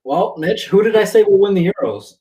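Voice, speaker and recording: Canadian young dude on stream, voice jumps all over, pushy and chatty. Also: male voice, high voice, a little fast, low-quality recording. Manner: lively, insistent, bantering. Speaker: co-host. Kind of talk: casual live-stream chat.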